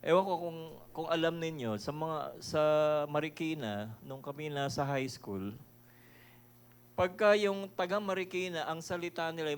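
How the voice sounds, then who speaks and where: A pastor from the Philippines giving a conversational sermon, mixing Tagalog and English, reading verses slowly and chuckling as he asks his listeners questions. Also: fairly high pitch, smooth. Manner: reads scripture verses slowly and deliberately; chuckles often, asks the audience rhetorical questions.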